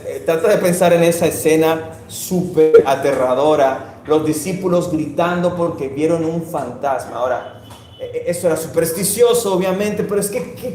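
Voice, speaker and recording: A man preaching a sermon, building drama with rising pitch and volume for emphasis, then dropping to a hushed tone. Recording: echoey room with faint noise.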